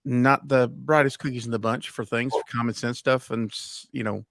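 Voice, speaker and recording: A man's voice: mid-range voice, steady tone, moderate pace, creaky, no echo, clean studio sound. A man in casual podcast chat, telling stories with many fillers and restarts. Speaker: guest.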